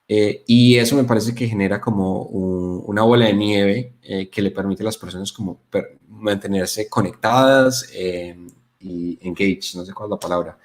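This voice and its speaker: A young Colombian man with a fairly low voice chats as a guest in an interview. He tells stories in an animated way, with plenty of "eh" fillers. His Colombian accent comes through clearly. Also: normal speed. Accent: Colombian Spanish (Paisa). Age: young adult. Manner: animated storyteller, many fillers. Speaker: guest, software developer. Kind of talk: casual interview chat.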